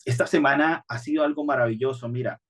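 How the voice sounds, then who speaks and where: A man's voice: mid-range voice, fast. A male pastor, preaching a sermon in an earnest, conversational way with frequent restarts.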